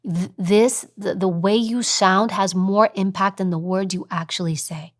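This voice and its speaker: Woman guest, 30s, lively and expressive delivery, mid-range voice. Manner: animated storytelling, acts out high fast voices. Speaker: guest, former agent and news presenter. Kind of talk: interview conversation.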